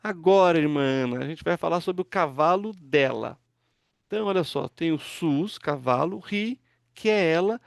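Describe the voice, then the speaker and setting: Man, pastor-teacher, patient step-by-step explainer, slightly high, gravelly, dry close sound. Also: lively intonation, normal speed, no echo. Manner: patient, explains step by step, asks students to read. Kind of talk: online class teaching.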